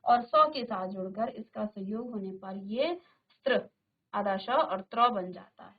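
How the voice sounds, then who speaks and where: A woman's voice: mid-range voice, measured pace. A woman teacher giving a grammar lesson in a studio classroom, drilling sounds by repeating them and checking in with her class. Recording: tinny phone-like sound.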